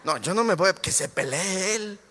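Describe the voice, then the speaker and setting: Un pastor con acento mexicano que imita a un feligrés tímido que evita el conflicto, murmurando evasivo. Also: male voice, high-pitched, lively intonation, moderate pace, sharp tone, heavily acted. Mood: evasive. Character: timid churchgoer shying from conflict.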